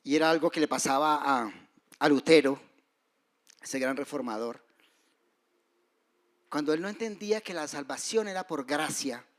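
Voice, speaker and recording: A man preaching a sermon, moving between loud rises and soft, hushed drops. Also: on the high side, creaky. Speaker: pastor.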